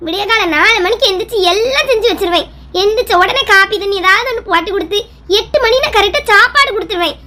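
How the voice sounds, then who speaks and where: A woman's voice: very high voice, expressive, quick pace, sharp tone, heavily acted. A woman with a Kanyakumari Tamil accent playing a complaining mother-in-law who nags in a comedy skit. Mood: scolding. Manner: nagging and self-pitying. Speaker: skit performer.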